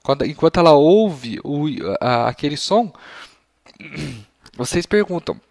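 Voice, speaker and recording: Man, language teacher, patient explanations, somewhat high voice, slightly hoarse, clears throat a lot. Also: animated, a little mellow, dry recording, studio quality. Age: adult. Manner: patient and explanatory, models phrases slowly. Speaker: Latin teacher for parents of young children. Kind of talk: explanatory lesson.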